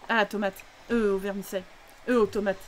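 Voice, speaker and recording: A woman's voice: medium pitch, level tone, a little fast, slight background noise. A woman chatting casually as she streams a life-sim game, teasing the characters and talking to them.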